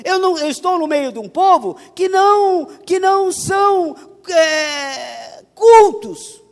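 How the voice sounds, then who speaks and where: A man preaches a sermon as a pastor in a church, his voice extremely high-pitched with lively intonation and a slow pace. He is from São Paulo, Brazil, speaks Portuguese with a Paulista accent, and has an emphatic style that repeats phrases. The recording carries church hall reverb.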